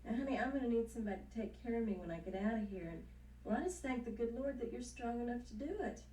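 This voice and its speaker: An actress playing a hopeful country singer wife in a television soap, with a Southern American accent and folksy determination. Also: female voice, fairly high pitch, animated, fast, warm tone, lightly acted. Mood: gentle, resolute. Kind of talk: television soap opera acting. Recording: roomy, distant, hissy 1970s TV soundtrack.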